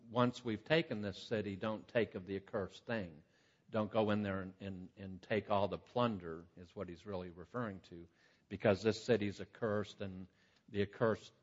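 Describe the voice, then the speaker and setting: A man with a lowish voice teaches scripture like a preacher, often doubling back on his words. His voice booms with a cave-like echo, as if he were standing in a big stone hall. The recording is muffled and lo-fi. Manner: conversational and halting, with repeated false starts. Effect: booming cave-like echo on the voice. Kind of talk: Bible teaching sermon, reading scripture aloud. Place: large reverberant room. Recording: echoey hall, muffled lo-fi sound.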